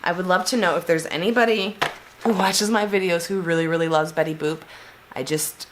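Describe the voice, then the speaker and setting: A woman's voice: fairly low pitch, fairly even intonation, brisk, noisy background. A young woman with a nasal voice, chatting casually in a vlog as she reviews a subscription beauty box, giving frank opinions with fillers. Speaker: beauty vlogger.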